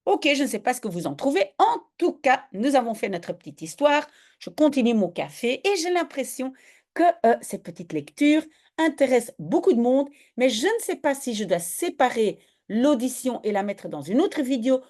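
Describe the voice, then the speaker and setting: A woman's voice: high voice, moderate pace. A woman, reading a children's story in Dutch and explaining its grammar as a teacher. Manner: lively, switches often between reading and explaining.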